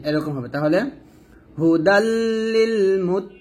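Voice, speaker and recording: A man teaching Quran reading in Bengali, spelling letters and vowel marks syllable by syllable and chanting the verses slowly. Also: sits high. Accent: Bangladeshi Bengali.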